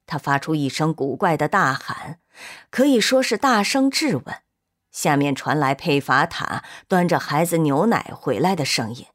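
A woman reads a literary novel aloud at an even, measured pace. Her voice sits on the lower side, calm and steady, carrying the scene without rush. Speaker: narrator. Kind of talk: scripted audiobook narration.

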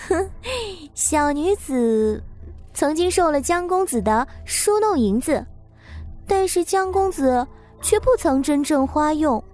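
A woman's voice: sits high, lively intonation, slow, a little mellow. A woman doing a coy young courtesan. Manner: coy, laughing, self-assured. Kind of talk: storytelling with voiced characters. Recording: faint background music.

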